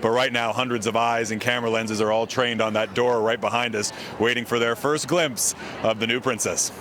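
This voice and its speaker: A man's voice: mid-range voice, fairly even intonation, a little fast, a bit bright. A man working as a television news reporter, doing a live interview on location outdoors. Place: outdoors on a busy city street among a crowd. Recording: busy outdoor crowd noise. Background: crowd and street traffic.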